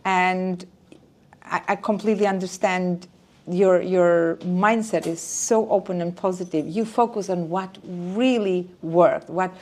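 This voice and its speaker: A woman's voice: fairly low pitch, steady tone, a little slow, a little mellow. A woman hosting an interview podcast, encouraging her guest and summing up her story before asking questions. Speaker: podcast host. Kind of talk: interview host.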